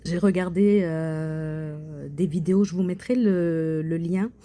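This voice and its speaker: A woman's voice: fairly low pitch, slow, warm tone. A woman showing her coloring and embroidery work in a casual vlog, full of hesitations and restarts. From Quebec. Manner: hesitant, many fillers and restarts. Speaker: craft channel host. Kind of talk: casual show-and-tell vlog.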